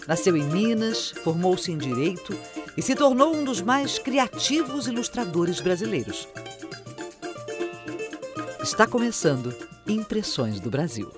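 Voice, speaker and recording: A woman narrating a documentary in a measured, scripted delivery. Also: mid-range voice, very animated, music in the background.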